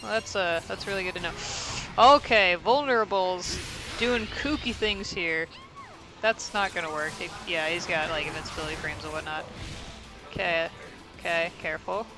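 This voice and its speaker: A man's voice: high-pitched, normal speed, over music, rough recording. A man giving casual, rambling play-by-play commentary on a fighting game tournament, thinking aloud and poking fun at himself.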